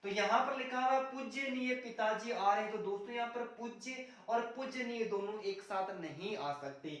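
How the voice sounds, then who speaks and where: A man's voice: high voice, normal speed, fairly bright tone. A man teaching a grammar lesson for exams. He asks questions and answers them himself, and keeps calling his viewers "friends". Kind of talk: exam-prep grammar lesson. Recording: very echoey room, voice far from the mic.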